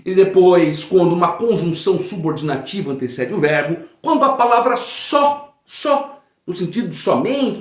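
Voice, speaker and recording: A man gives an online grammar lesson in a fairly high voice that rises and falls a great deal. He keeps checking whether his listeners follow, and he draws out his example sentences slowly. The sound is roomy and echoey. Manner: didactic, checks understanding with frequent "né?" and "tá bom?". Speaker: Portuguese grammar teacher.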